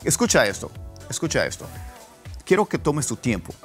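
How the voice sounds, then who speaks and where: A man teaching an online pronunciation lesson, repeating words slowly for drill. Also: on the high side, big pitch swings, faint music behind. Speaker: English teacher.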